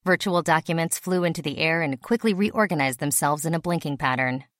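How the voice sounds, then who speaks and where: Low-voiced woman reading a story. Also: brisk, fairly bright tone, no echo, clean studio sound. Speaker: audiobook narrator. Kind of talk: scripted narration.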